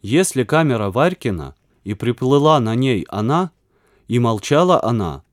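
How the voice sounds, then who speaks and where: Male audiobook narrator, expressive storyteller, mid pitch, animated delivery. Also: normal speed, dry recording, clean studio sound. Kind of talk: scripted narration.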